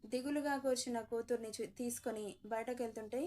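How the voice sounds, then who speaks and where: A woman narrating a dramatic romance story in an expressive, emotive storytelling manner. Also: on the high side, brisk.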